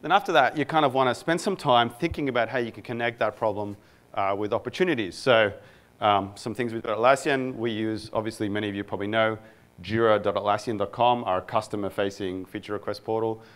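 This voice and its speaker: A man's voice: fairly low pitch, fairly even intonation, a little fast, a bit bright. A man from Egypt, a product manager, giving a casual conference talk to a live audience, with many fillers and self-deprecating asides.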